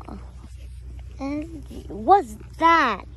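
A woman's voice: high voice, expressive, very slow, fairly bright tone, low-quality recording. A young woman filming a casual hiking vlog on her phone, chatting and exclaiming at the sights along the trail. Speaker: vlogger. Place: outdoor hillside trail. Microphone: handheld phone. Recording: outdoor phone audio with background noise. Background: outdoor ambience.

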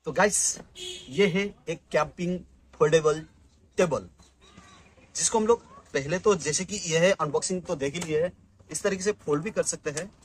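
In this casual unboxing vlog, a man in his thirties shows off camping gear, stumbling through plenty of fillers and restarts. His voice is a little high at a moderate pace, with a faint hiss or hum. The filming moves from inside his home to an open rooftop outdoors.

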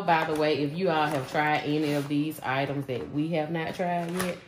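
A woman, chatting casually through a grocery haul in her home kitchen, relaxed and full of fillers. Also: deep voice. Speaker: vlogger.

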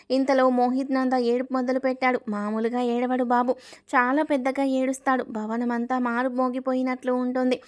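A woman narrating a family story, reading every character's lines in her own voice. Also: high-pitched. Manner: reads all dialogue in her own narrating voice; breaks off to ask viewers for likes.

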